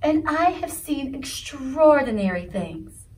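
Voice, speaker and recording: A woman's voice: sits high, animated, takes it slowly, distant mic, rough recording. A woman voicing a proud, boastful young male frog who tells of the world mysteriously. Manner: triumphant, mysterious storyteller.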